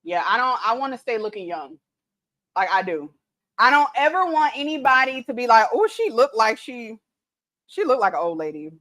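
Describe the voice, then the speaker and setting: Very animated and fairly bright in tone, this late-thirties woman hosts a casual cooking livestream at a normal speed, a little tipsy from mimosas. She has a drawl and a slightly high voice, and she laughs a lot while chatting easily and reading out viewer comments.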